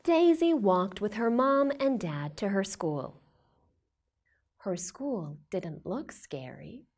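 A woman's voice: medium pitch, lively intonation, slow pace, darkish tone. A young woman reading a picture book aloud as if to a toddler, with simple questions and exaggerated expression. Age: young adult. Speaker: storyteller for children. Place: indoor studio with plain backdrop.

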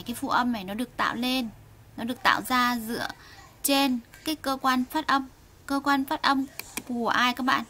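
Woman, Vietnamese teacher of Korean, slightly high voice, patient and clear for learners. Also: bright, forceful tone, slight background noise. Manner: slow, patient, drills sounds for students to repeat. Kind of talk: online language lesson, reading aloud for learners.

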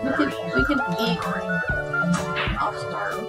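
A woman's voice: high voice, slow pace, vocal fry, recorded from a distance, loud music behind the voice. A woman chatting matter-of-factly at home, recorded on an old home VHS tape by a camcorder across the room. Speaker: hostess of visiting family. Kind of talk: casual family chat. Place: family home indoors.

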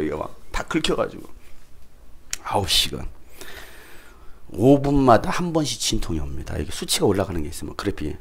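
A middle-aged male pastor preaching a sermon in a church, telling a story with lively shouts, laughter and acted-out voices. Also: mid-range voice, slightly rough. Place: church sanctuary.

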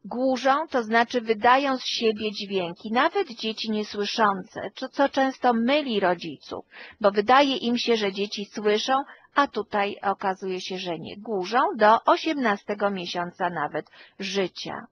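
A woman, a hearing and speech therapist, explaining calmly and at length, with some fillers as she goes. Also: medium pitch, highs cut off, slight background noise. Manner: slow, measured explanation with fillers. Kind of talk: expert talk to camera.

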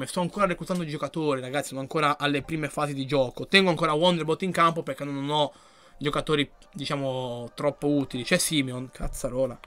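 A man giving live commentary while he plays a video game. He reads the chat aloud and yells and swears when the game goes wrong. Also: on the high side, no echo. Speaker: gaming streamer.

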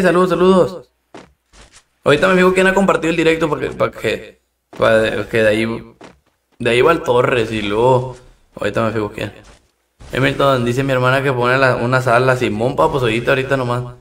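A man's voice: medium pitch, brisk, a bit bright, far from the mic. A man with a Mexican accent, streaming a game live, chatting in slang and thanking viewers between rounds.

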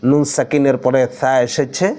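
A man with a Bangladeshi accent teaching tajweed. He explains each rule briskly, then recites the Arabic phrases slowly and drawn out. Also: mid-range voice, little pitch movement, dark tone. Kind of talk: tajweed lesson alternating explanation and slow recitation.

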